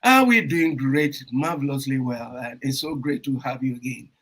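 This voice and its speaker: A man hosting an online radio talk show, speaking emphatically with repeated phrases and bursts of loud enthusiasm. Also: mid-range voice, moderate pace, slightly rough. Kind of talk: energetic radio show intro and interview. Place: Toronto.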